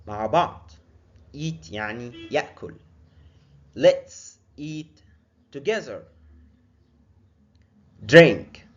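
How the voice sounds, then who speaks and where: Egyptian man, native Arabic speaker, teaching English vocabulary, lively pitch, dull lo-fi audio. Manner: repeats words slowly and clearly, then explains them. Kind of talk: vocabulary lesson.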